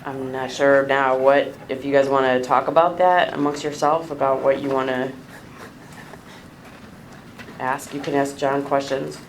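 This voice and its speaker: A woman chairing a meeting, casual and unhurried. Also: a bass voice, fairly even intonation, a little hiss or hum, rough recording. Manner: slow, casual, laughs easily. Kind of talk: running a meeting. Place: meeting room.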